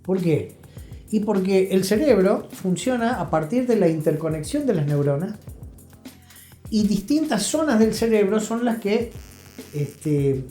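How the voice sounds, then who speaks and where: An Argentine interview guest speaks a little slowly, his high voice expressive and dark in tone. Reflectively telling and explaining things, he adds emphasis and short check-in questions. The room echoes and faint music is audible.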